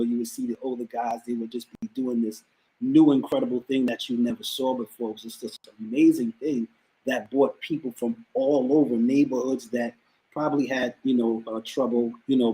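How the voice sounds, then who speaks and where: A man's voice: medium pitch, warm tone, low-quality recording. A man in his fifties with a New York accent, a hip hop artist telling his story as an interview guest, reflective and a little emotional, repeating words often. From the Bronx, New York. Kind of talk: casual interview conversation.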